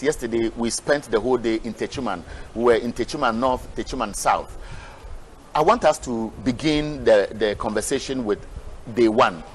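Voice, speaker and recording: A man's voice: medium pitch, a little hiss or hum, rough recording. A man interviewing a guest, asking long, wordy questions with restarts.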